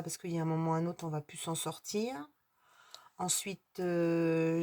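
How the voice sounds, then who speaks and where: A woman's voice: lowish voice, darkish tone. A middle-aged woman vlogging casually to her viewers, hesitant, with many fillers and restarts. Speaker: YouTuber answering a tag.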